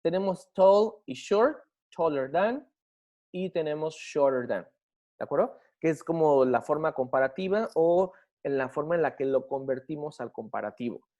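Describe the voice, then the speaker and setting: Male English teacher with a slightly high voice. Patient, methodical classroom explainer who stops often to check understanding. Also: expressive, darkish tone, dull audio. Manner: slows down to spell and model English words. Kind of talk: explaining grammar in a recorded class.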